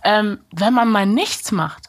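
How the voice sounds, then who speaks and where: German woman podcast host, laid back chatty, thinks out loud, ordinary pitch. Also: slow. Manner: relaxed, reflective, lots of "so" fillers. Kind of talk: casual chat.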